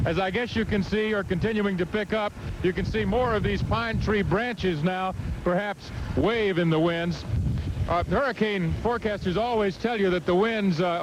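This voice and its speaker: A man reporting live from outdoors in a storm, halting and raising his voice over the wind. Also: sits high. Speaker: field reporter. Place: outdoors in a hurricane. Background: loud outdoor storm ambience.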